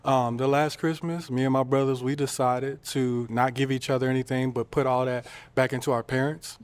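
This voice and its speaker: A man's voice: mid-range voice, level tone, moderate pace, smooth, no echo. A man from Texas on a dating show, talking in an easygoing, upbeat way. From Texas, Austin area. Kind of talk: casual dating show conversation.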